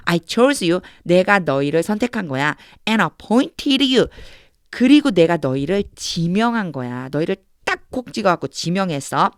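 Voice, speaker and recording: A woman teaching English grammar through Bible verses, explaining each step patiently and reading the English phrases slowly. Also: deep voice, no echo, clean studio sound.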